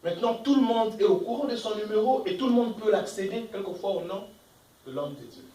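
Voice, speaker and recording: A man's voice: sits high, animated, fairly quick, dark tone, reverberant, recorded from a distance, rough recording. A man preaching a sermon as pastor, emphatic, asking the congregation questions and reading verses aloud. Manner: reads scripture verses aloud between comments. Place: church.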